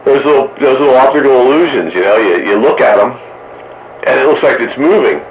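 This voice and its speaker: This man's medium-pitched voice is animated and fairly quick as he takes part in an amateur radio round table. He chats casually and cracks jokey anecdotes over two-way radio, heard via a receiver with muffled, staticky reception and faint noise.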